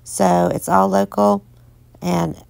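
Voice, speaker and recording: A woman's voice: fairly low pitch, level tone, slow, gravelly, a little mellow, dry recording, poor audio. A woman casually vlogging with an upbeat, recommending manner, talking outdoors on a city street. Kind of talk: casual voice-over vlog.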